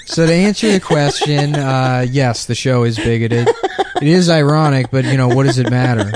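A man's voice: medium pitch, moderate pace, a little mellow, no echo. A man hosting a comedy podcast, sarcastic and crude, rambling in casual chat. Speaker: podcast host.

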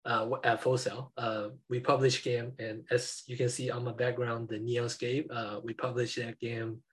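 A young man from China introduces himself as a guest on a video call. He talks haltingly, filling his pauses with frequent "uh" sounds. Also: mid-range voice, little pitch movement. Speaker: panel guest.

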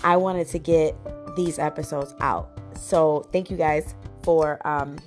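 A woman's voice: low-pitched, fairly even intonation, slow, faint music behind. A woman hosting her podcast in casual chat, her voice a bit muffled from congestion and often breaking into laughter. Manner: laughs often, chatty with fillers. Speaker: podcast host.

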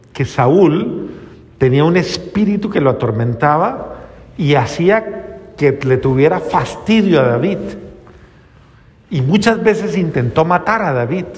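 A male priest giving a conversational sermon, often pausing and restarting, softening his voice when he retells what others told him. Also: fairly high pitch. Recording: long reverb.

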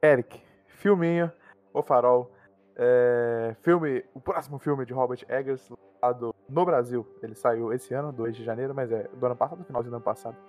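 Man, film review co-host, easygoing, mid pitch, soft music underneath. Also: normal speed. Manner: easygoing, steers the segments. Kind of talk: casual chat.

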